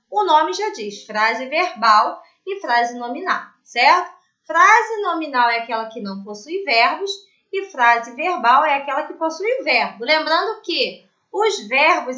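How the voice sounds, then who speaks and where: A schoolteacher explaining a lesson to children in a slow, sing-song way, often checking in with short questions. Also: female voice, sits high, sharp tone. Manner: slow, sing-song teacher talk with frequent tag questions. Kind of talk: online Portuguese class for children. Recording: echoey room, slightly dull lo-fi audio.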